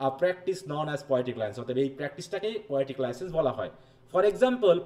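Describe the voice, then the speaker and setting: Man lecturing a class slowly. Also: fairly high pitch, darkish tone. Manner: explains slowly, reads English passages, checks understanding with questions. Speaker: teacher.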